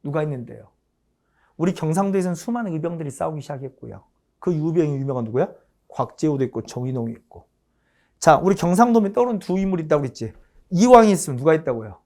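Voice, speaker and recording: A woman's voice: low-pitched, expressive, fast talker, dark tone. A woman giving an exam-prep history lecture, asking her class questions and answering them herself, repeating points for emphasis.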